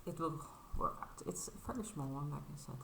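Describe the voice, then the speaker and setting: Expressive yet modest and apologetic, a Dutch crafting vlogger in her thirties chats in English for a casual show-and-tell. Her low, gravelly voice sounds bright and a little tense, and she often hesitates, using filler sounds and restarts. The room is echoey with a faint ambient hum.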